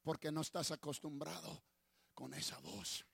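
A male preacher delivering a sermon, swinging from quiet asides to shouted declarations and slipping into English phrases. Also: on the high side, very animated, moderate pace, gravelly, husky, dry recording. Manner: dramatic, slips into English phrases.

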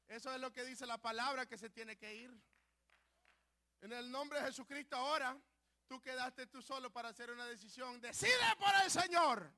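Very high-voiced, fervent male preacher. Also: little pitch movement, moderate pace. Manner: impassioned, swings between shouting and soft pleading; mixes in short English phrases. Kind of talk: sermon.

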